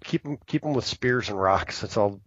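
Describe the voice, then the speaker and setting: A man in his fifties chatting casually, with drawn-out, wisecracking remarks. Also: fairly low pitch, no room sound, highs cut off. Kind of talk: casual chat.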